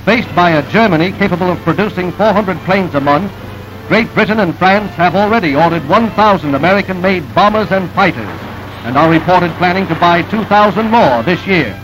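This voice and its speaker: A man narrating an old newsreel in a brisk, emphatic announcer delivery. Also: high-pitched, animated, music in the background, poor audio.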